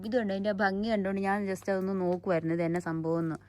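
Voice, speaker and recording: A woman's voice: mid-range voice, steady tone, very fast, darkish tone. A woman chatting casually with her family in a questioning, teasing way. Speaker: mother filming a family vlog.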